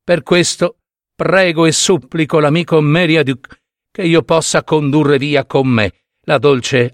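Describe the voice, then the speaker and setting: A man's voice: on the high side, a bit bright, no room sound, clean studio sound, voice pushed up. A man voicing an earnest young knight who speaks with fervent courtly devotion. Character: noble young male knight, lovestruck and earnest.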